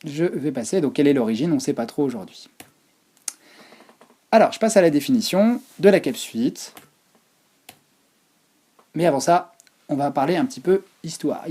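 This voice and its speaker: A man's voice: medium pitch, mellow, slightly rough. A man presenting a physiotherapy talk over slides, hesitant, with many fillers and restarts. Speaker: physiotherapy lecturer.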